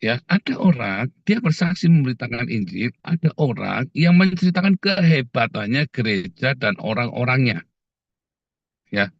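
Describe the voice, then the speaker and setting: Animated male preacher, dull dry sound. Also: fairly high pitch, dry recording. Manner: animated, addresses listeners as "saudara", acts out quoted voices. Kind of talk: conversational sermon.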